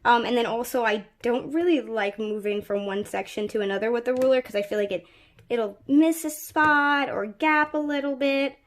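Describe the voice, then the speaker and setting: Woman chatting thru a craft tutorial, kinda high voice, lots of um and you know while she works. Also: steady tone, normal speed. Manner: chatty, thinking aloud with fillers and restarts; working with her hands while talking. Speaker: craft channel host. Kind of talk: casual craft tutorial talk.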